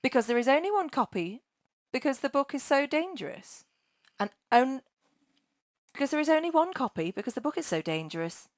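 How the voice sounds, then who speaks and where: A woman doing a sharp-tongued old dragon lady. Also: sing-song, brisk, dry recording, studio quality. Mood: weary. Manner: sharp, indignant, high-pitched scolding. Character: grumpy centuries-old female dragon, bookish hoarder. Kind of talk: storybook reading.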